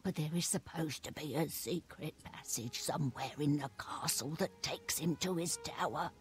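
Lady doing a old beggar woman in a game, flips between two voices mid-talk, kinda low pitched. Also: moderate pace, faint music behind, natural voice. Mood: pleading. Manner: switches back and forth between two different voices. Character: old female beggar asking for coin. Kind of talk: video game dialogue.

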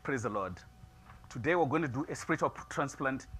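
Bright, husky-voiced preaching pastor. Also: male voice, medium pitch, expressive, fairly quick. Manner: builds from soft musing to loud preaching, gestures widely. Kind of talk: sermon. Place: small church sanctuary, seated before altar flowers.

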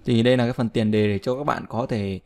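A man teaching an English lesson, repeating each word slowly for pronunciation drill and often checking in with his students. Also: medium pitch, fairly even intonation, a little mellow. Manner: keeps checking with "right?" and filler "uh". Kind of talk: language lesson explanation.

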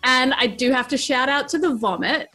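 A New Zealand woman in her thirties speaks in a high, pushed, bright voice as an enthusiastic guest on a casual craft chat. She gushes in fast bursts, set in a colourful craft studio.

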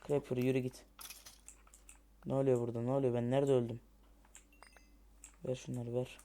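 A man's voice: mid-range voice, flat delivery, moderate pace, dark tone. A man giving let's play commentary, thinking aloud as he builds and grumbling and cursing at the game in frustration. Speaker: gamer.

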